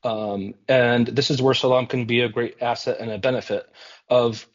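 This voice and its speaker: A man from the United States giving earnest, measured public remarks at a civic meeting, with frequent ums and uhs as he gathers his thoughts. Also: mid-range voice, fairly even intonation, highs cut off. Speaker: community center representative.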